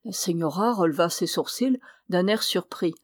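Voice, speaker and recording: A woman's voice: lowish voice, normal speed, no room sound. A woman reading a novel aloud, dry and close. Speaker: audiobook reader. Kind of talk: literary audiobook narration.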